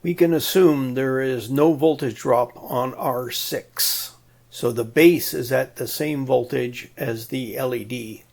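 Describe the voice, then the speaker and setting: Presenting an electronics tutorial, a man with a darkish, mid-range voice and noticeable gravelly fry speaks at a very unhurried pace. He explains things methodically in plain language, adding a touch of dry humour.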